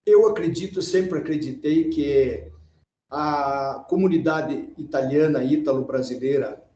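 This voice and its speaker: A man from Italy with a fairly high yet soft, dark voice answers on a panel. He talks in long, rephrased sentences with tag questions, in a roomy recording. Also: a little slow, dull audio. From born in Italy. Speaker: panel guest. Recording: echoey room sound.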